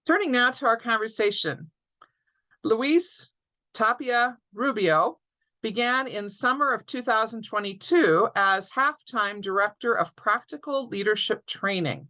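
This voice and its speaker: Bright-voiced woman hosting a webinar. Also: on the high side, lively intonation, a little slow, low-quality recording. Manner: clear, orderly housekeeping announcements. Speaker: alumni director, interview host. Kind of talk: scripted webinar introduction. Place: home or office, online webinar. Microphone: video call.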